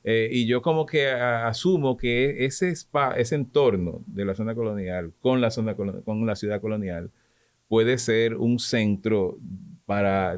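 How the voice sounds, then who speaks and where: A man's voice: lowish voice, darkish tone. A Dominican man as a podcast guest, discussing casually and repeating words as he thinks.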